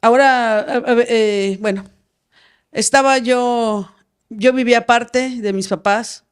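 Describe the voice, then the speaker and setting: A woman in her forties, a guest in an interview, recounting a personal story in a measured way with restarts. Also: on the high side, fairly even intonation, clear, resonant tone. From Veracruz, Mexico. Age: 40s. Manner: measured, recounts with many restarts and reported speech. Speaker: guest, nurse.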